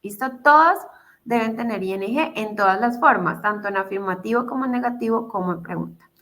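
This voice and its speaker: Bright-voiced woman teaching English grammar. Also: mid-range voice, brisk. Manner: patient, repeats steps, asks "¿listo?" to check. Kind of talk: online lesson explaining grammar.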